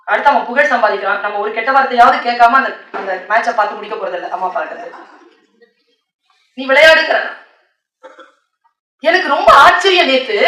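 Bright high woman speaker in an echoey hall. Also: recorded from a distance. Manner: storytelling, laughing often, slows for solemn lines. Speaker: motivational speaker. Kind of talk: motivational speech.

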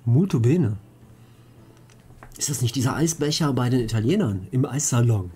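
A man's voice: medium pitch, animated, fast, mellow, slightly rough, soft background music. A man hosting a let's play, casually commentating and joking while reading out chat questions.

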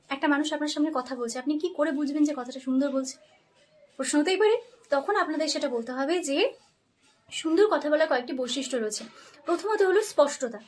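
Fast-talking woman teaching a lesson. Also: high-pitched. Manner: brisk and explanatory, often checking in with listeners. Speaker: teacher for job interview preparation. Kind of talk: spoken lesson, explaining points to viewers.

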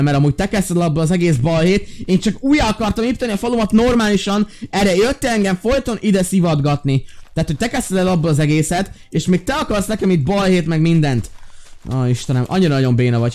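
A young man giving excited, loud commentary on his own Minecraft play, often jumping into high yelps and shouts. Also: faint music behind. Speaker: gaming YouTuber.

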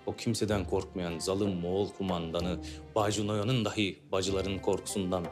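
An actor playing a courteous young dervish in a historical drama, speaking in formal, old-fashioned phrases. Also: male voice, deep voice, flat delivery, normal speed, music in the background, lightly acted. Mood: courteous, instructive.

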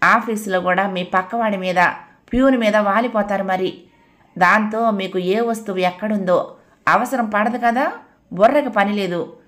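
A woman voicing a sharp-tongued, sensible housewife who scolds and lectures her husband. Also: mid-range voice, normal speed, natural voice. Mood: lecturing.

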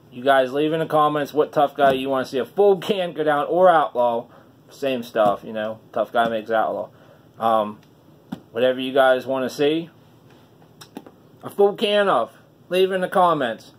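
Man talking with a lip full of dip. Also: mid-range voice. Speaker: online dip reviewer. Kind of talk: casual chat to camera. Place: small wood-paneled room indoors. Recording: noisy room recording.

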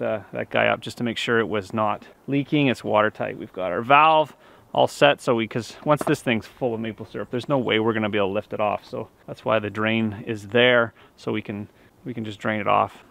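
Gravelly-voiced man vlogging outdoors. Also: medium pitch. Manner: relaxed, chatty, many fillers and restarts. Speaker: homesteading vlogger. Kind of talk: casual vlog narration. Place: outdoors in a snowy forest. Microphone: handheld camera held at arm's length.

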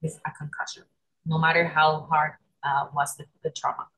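A young woman from Puerto Rico, speaking with a Puerto Rican Spanish accent, gives an online lecture over a video call as a chiropractor, often saying "um" and restarting her sentences. Her voice is deep and bright with a forceful, slightly rough tone, little pitch movement, and a moderate pace. The recording quality is low.

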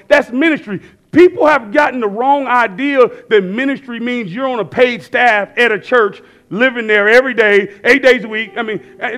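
This pastor, a man in his thirties, has a very high voice. Preaching on a church stage with screens and a worship band behind, he keeps things conversational, invites the crowd to complete his words, and sometimes rises to shouts.

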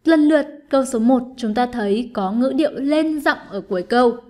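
A woman teacher giving an online lesson, explaining patiently and clearly, step by step, to her students. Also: fairly high pitch, normal speed, darkish tone. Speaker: English teacher.

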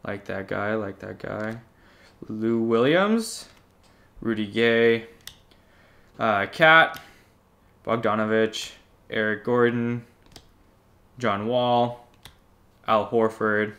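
Casting: laid-back young Canadian man, lowish bright voice, card-breaking co-host. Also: very slow, long pauses. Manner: laid-back, reads out names with short verdicts. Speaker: co-host of a card-opening channel. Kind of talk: casual chat while opening trading cards.

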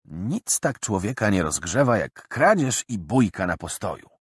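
A man's voice: on the low side, very animated, unhurried, breathy edge, no room sound, full character voice. A male narrator voicing a sarcastic young man with a dry, mocking delivery. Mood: wry.

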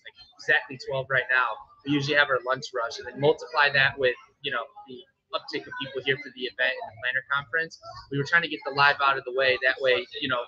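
A man hosting a casual shop livestream, chatty and jokey, his voice picked up by a phone microphone in a loud shop. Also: mid-range voice, husky. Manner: chatty, jokey, self-interrupting. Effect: tinny phone-mic sound. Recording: tinny lo-fi phone-mic audio.

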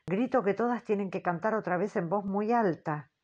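A woman narrating an audiobook in the first person, in a measured, earnest storytelling manner. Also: medium pitch, darkish tone, husky, lo-fi sound.

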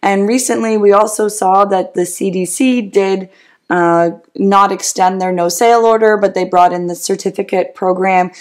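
A woman's voice: mid-range voice, steady tone, moderate pace. A woman in her thirties co-hosting a casual news chat from a living room couch, talking in a chatty, upbeat way. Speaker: co-host.

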